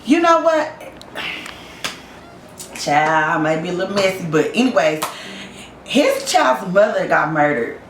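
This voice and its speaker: A woman's voice: fairly low pitch, big pitch swings, unhurried, pauses often, far from the mic, noisy background. A young woman from Oklahoma, telling her past as an interview guest in a candid, casual way, blunt and frank with plenty of swearing. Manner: blunt and profane, frank about hard past. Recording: roomy echo, voice off-mic, faint music behind.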